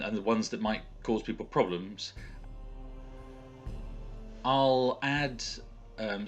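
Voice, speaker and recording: A man giving an informal explanatory talk as an author going through pronunciations, in a hesitant, halting manner as if thinking aloud. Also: low-pitched, fairly bright tone.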